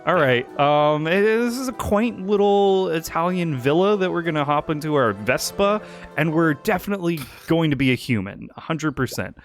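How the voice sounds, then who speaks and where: A man riffs casually while playing a video game with a co-host, quick to joke and laugh. His voice moves animatedly through its pitch range. Faint game music runs beneath him. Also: expressive. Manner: joking, laughs often, bossy directions. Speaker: co-host of a gaming show. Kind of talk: casual gameplay commentary.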